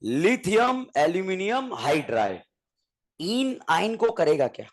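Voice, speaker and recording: A man teaching chemistry in a lively exam-prep class, calling out questions and often shouting. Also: high-pitched, unhurried. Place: classroom with students. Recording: noisy classroom with crowd voices.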